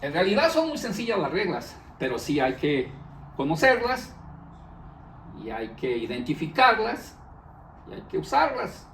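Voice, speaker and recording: A man's voice: sits high, wildly swooping pitch, a little slow, a bit bright, recorded from a distance, slight background noise. A man teaching an English grammar lesson, explaining rules patiently and repeating them, stressing each English word. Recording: echoey room, voice off-mic.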